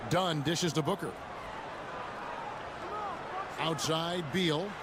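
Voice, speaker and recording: A man calling basketball play by play in a video game, with brisk, rhythmic calls. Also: a little high, steady tone. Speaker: play-by-play announcer. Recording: loud game noise underneath.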